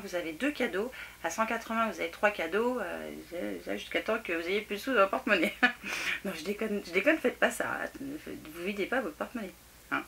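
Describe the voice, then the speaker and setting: A woman's voice: medium pitch, fairly bright tone, slight background noise. A middle-aged woman chatting casually to camera about a craft haul, laughing at herself and filling with lots of little hesitations. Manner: chatty, laughing, self-mocking, lots of fillers. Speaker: craft vlogger. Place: home room near a table.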